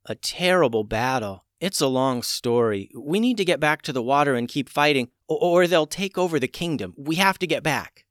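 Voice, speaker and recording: A man's voice: a little high, lively intonation, normal speed, few pauses, fairly bright tone, dry recording, voice pushed up. An urgent, determined young mermaid, as a storyteller puts her on, earnest and pressing. The voice rides well above his own and swings widely, heard close and dry.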